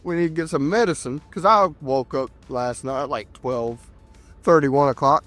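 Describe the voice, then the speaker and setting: A man's voice: mid-range voice, normal speed, fairly bright tone, soft background music. A man with a nasal, stuffed-up voice from being sick, chatting casually and folksily to viewers as a trucker vlogger. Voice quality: nasal, congested. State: sick with a cough and congestion. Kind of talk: casual vlog chat to viewers.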